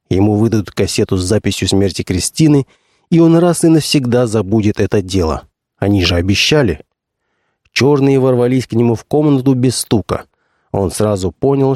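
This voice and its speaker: A man narrates an audiobook with dramatic, animated delivery, his pitch moving lively through each sentence. His tone is mellow and dark, and the recording is dry and close. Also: no room sound. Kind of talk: expressive audiobook reading.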